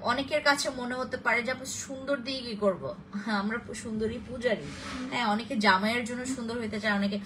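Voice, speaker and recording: A woman's voice: fairly high pitch, a bit bright, slight background noise, poor audio. Chatty Bangladeshi woman hosting a live stream. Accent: Bangladeshi Bengali. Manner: chatty, rambling, many fillers and restarts. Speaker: live-stream host for a skin-care brand. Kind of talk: casual live-stream chat answering viewer comments.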